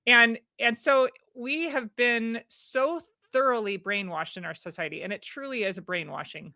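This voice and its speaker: A woman's voice: a little high, moderate pace, pushed and bright, no echo. A middle-aged woman guest on a podcast, talking earnestly and often restarting her sentences. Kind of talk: podcast conversation.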